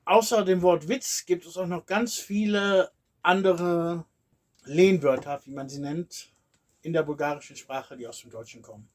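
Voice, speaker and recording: A man from Germany co-hosting a podcast in casual chat, explaining earnestly and trailing off quietly at the ends of his sentences. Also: fairly high pitch, moderate pace. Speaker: podcast co-host.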